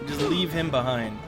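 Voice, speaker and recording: A man hosting a let's play, thinking aloud playfully as he plays. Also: mid-range voice. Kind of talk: gameplay commentary. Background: game music.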